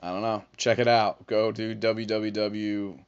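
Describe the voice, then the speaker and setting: A man co-hosting a podcast from a basement, chatting loosely and cracking jokes, with a fairly low voice. He rambles into tangents and swears casually. The sound is dull and lo-fi. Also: flat delivery, measured pace, clear, resonant tone. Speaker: podcast co-host. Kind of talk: casual chat. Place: shop basement. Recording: muffled lo-fi podcast audio.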